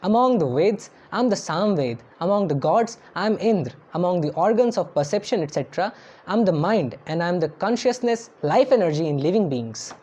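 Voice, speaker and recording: एक महिला जो धार्मिक श्लोकों को गाकर पढ़ती है और फिर उनका अर्थ शांत, नपे-तुले ढंग से पढ़कर सुनाती है।. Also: female voice, on the low side, animated, drawn-out words, mellow, a little hiss or hum. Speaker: scripture reciter and translator. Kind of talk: chanted verse recitation with read translation. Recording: dull lo-fi recording over faint instrumental music.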